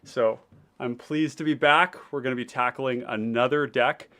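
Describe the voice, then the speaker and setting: A man's voice: medium pitch, steady tone, moderate pace, fairly bright tone. A man hosting a live stream, chatting casually with viewers, reading their comments and talking while he eats. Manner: chatty, eating while talking, reads out chat. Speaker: streamer host.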